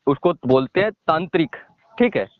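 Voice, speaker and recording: On a dull, lo-fi phone line, a man from an Indian village explains things casually with lively intonation at normal speed. His slightly high voice is emphatic and repetitive, punctuated by short tag questions.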